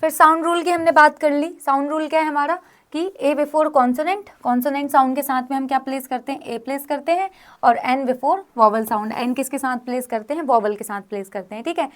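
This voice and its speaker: A woman's voice: high voice, a little fast. A woman teaching a grammar lesson, explaining rules step by step and often checking in with her students. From India. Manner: frequent check-in questions to students.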